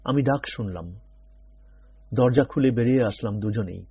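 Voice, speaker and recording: A man narrating a novel as an audiobook in an even, measured first-person telling. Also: mid-range voice, muffled recording, slight background noise.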